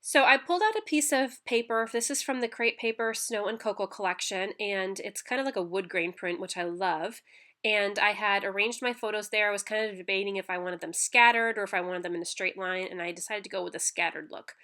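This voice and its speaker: Talking a little fast in a mid-range, sharp-toned voice, this scrapbooking channel host narrates her crafting while congested from a cold. She's casual, stumbling into ums and starting sentences over, and it's captured on her home voice-over mic.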